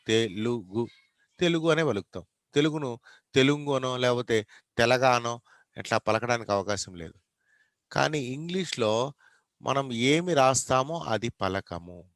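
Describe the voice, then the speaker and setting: A man's voice: mid-range voice, fairly bright tone, no room sound. A man with a Telugu accent lecturing an online class, mixing Telugu and English, questioning students and spelling words out letter by letter.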